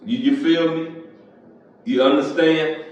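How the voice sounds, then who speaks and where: Male pastor, casual sermon, slow drawl, heavy room echo. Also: on the high side, steady tone, a little mellow. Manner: conversational, repeats "you feel me"; clears throat often. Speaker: pastor and podcast host. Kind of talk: casual preaching monologue. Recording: echoey, distant, dull lo-fi sound.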